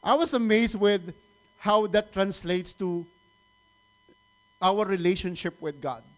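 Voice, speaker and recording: High-voiced Filipino pastor preaching. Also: male voice. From Philippines. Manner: animated preaching, laughs often, repeats words. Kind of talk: sermon.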